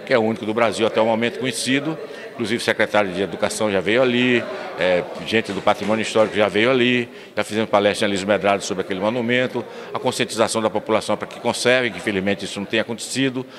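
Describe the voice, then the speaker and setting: Fast-talking older man, crowd murmur. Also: fairly low pitch. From São Miguel das Matas, Bahia, Brazil. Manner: earnest storyteller, expansive, restarts words. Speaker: interview guest, local historian. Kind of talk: recorded interview. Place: municipal council chamber, indoors. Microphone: handheld mic held by interviewer.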